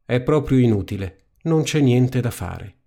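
A man voicing Cenerentola, a gentle, hopeful young girl in a storybook reading, pleading in a raised girlish voice. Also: mid-range voice, expressive, unhurried, creaky. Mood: despairing.

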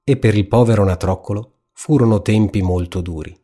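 Male fairy-tale narrator, low husky voice, calm and measured. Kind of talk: storybook reading.

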